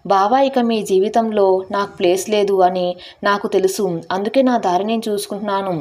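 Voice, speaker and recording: A woman's voice: mid-range voice, fairly even intonation, moderate pace, a little mellow, natural voice. Woman narrator doing young wife, pleading, tearful, wronged, grieving, storybook. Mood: sorrowful.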